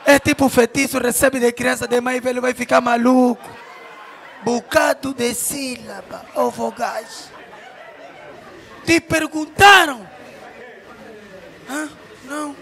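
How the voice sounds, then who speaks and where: A man with a remarkably high voice roasts his target in crude, mocking stand-up style. He shifts between shouted jabs and sing-song teasing. A faint audience can be heard behind him. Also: fairly even intonation, measured pace, gravelly, faint music behind, a faint crowd. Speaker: comedian.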